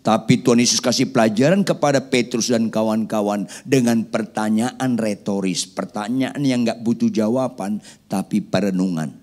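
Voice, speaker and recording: A man's voice: fairly low pitch, moderate pace, a little mellow. A man preaching a sermon, firing rhetorical questions at the congregation with playful joking asides. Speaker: pastor.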